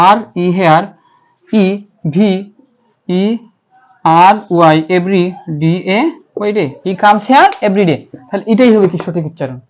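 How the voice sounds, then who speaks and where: A man with a Bangladeshi accent teaching English grammar. He asks questions and answers them himself, and spells words out letter by letter. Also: high-pitched. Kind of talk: classroom-style lecture. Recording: slightly dull, lo-fi.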